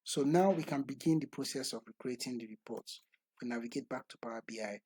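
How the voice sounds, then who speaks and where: Guy doing a screen tutorial, slightly husky voice, dry close sound, explains every click. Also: mid-range voice, fast, darkish tone, no echo, low-quality recording. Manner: methodical, talks through each step. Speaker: tutorial instructor. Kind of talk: screen-recorded software tutorial.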